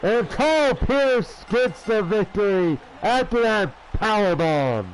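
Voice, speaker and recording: Guy calling a wrestling match, high voice, takes his time, restarts phrases, noisy background. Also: expressive, takes it slowly. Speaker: wrestling commentator. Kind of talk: wrestling play-by-play commentary. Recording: clear background noise.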